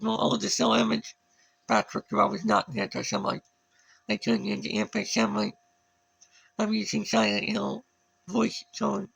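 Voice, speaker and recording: A man speaks alone in a high voice, jumping from word to word in a disjointed monologue. His voice is heavily gravelly and husky. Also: a bit bright, low-quality recording. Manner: disjointed, jumps between words and lists. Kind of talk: solo rambling monologue.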